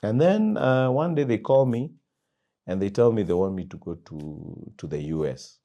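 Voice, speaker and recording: A Kenyan man, a company founder, telling his life story in an interview with lively quoted dialogue and loud laughs. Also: fairly low pitch, normal speed, dull audio. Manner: animated storyteller who acts out quoted dialogue and laughs loudly.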